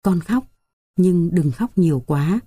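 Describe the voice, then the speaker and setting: A woman voicing a kindly old grandmother who comforts a grieving child, speaking softly and soothingly. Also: fairly low pitch, expressive, takes it slowly, breathy edge, no echo, studio quality, full character voice. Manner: soft, soothing.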